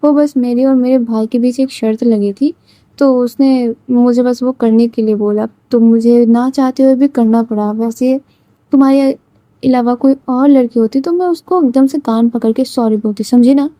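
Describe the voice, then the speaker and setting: A woman narrator voicing a strict young teacher in a spoken Hindi storybook, firm and scolding, with a high, mellow voice. It is recorded close and dry. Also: steady tone, moderate pace, no room sound, natural voice. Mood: stern. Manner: scolding, stern. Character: strict young female teacher, easily flustered.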